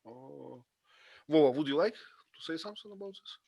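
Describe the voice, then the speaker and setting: A man leading a casual class discussion on a video call, often pausing and searching for words. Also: on the high side, expressive, creaky, a little mellow, breathy edge, no room sound. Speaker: discussion leader.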